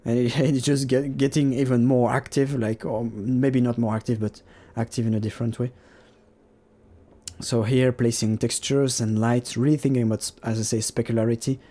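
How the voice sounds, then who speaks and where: Guy rambling about his art in a warm mellow voice, lots of uhs and restarts, pokes fun at himself. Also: mid-range voice, little pitch movement. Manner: halting, many fillers and restarts; self-deprecating, laughs at himself. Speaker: digital artist. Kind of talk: casual voice-over about his painting process.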